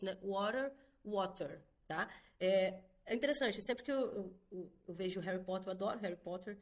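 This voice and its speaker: A Brazilian woman teaching an online English lesson in a casual, chatty way, often checking in with quick tag questions. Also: medium pitch. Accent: Brazilian Portuguese.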